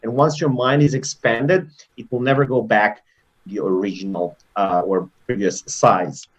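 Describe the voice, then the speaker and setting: A Serbian man in his thirties, speaking with a Serbian accent, tells his story as an interview guest over a video call. His mid-range voice moves at a moderate pace, reflective and rambling but animated in places, and the audio is dull.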